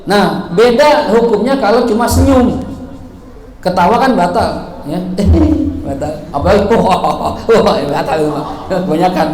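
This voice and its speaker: A man's voice: sits high, expressive, normal speed, a little mellow. A man teaching religious law in a prayer hall, playful and acting out examples with frequent laughs. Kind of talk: sermon. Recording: echoey hall, faint ambient noise.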